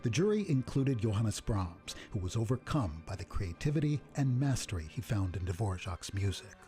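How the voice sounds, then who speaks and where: Guy narrating a classical music doc, mellow low-ish voice, calm and even, soft orchestra behind. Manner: measured, even storytelling delivery. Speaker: program narrator. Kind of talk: scripted documentary narration.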